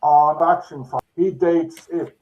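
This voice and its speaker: A man chatting as a guest about history, telling anecdotes in a halting way with restarts mid-sentence. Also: fairly high pitch, steady tone, a little mellow. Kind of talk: casual conversation, anecdotes. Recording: dull lo-fi sound.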